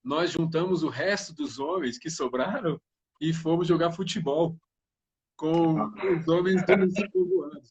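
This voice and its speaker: A man's voice: fairly high pitch, normal speed, a little mellow, slightly rough, muffled recording. A man co-hosting a casual live-stream chat, telling funny anecdotes and laughing as he speaks. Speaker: co-host.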